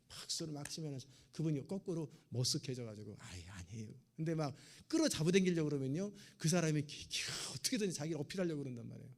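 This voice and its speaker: Gravelly-voiced man preaching conversationally. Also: a little high, darkish tone. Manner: conversational preaching, acting out little dialogues. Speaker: pastor. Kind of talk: sermon.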